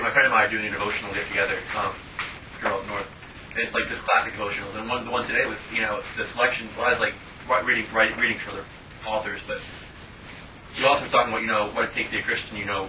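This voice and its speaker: A man's voice: on the low side, flat delivery, very fast. A man in a group discussion, rambling and full of fillers. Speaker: discussion participant. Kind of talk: casual discussion. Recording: echoey, distant, noisy room mic.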